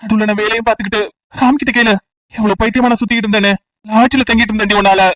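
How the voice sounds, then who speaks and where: A man's voice: high-pitched, level tone, very fast, a bit bright, no room sound, far from the mic, low-quality recording. A man voicing a hot-tempered young cop. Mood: agitated. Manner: pressing, confrontational, rough. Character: intense young policeman Vijay, possessive and hot-tempered. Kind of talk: cartoon story voice acting.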